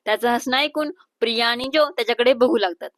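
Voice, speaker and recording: A woman narrates a romantic serial story with a high, clear voice. The sound is dry and close, with almost no room around it. She tells it in a steady, even storyteller's way. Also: fast talker, no echo.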